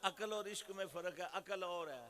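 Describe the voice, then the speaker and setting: A man with a Pakistani Urdu accent preaching a sermon, moving from hushed asides to loud, rhythmic refrains. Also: sits high, moderate pace.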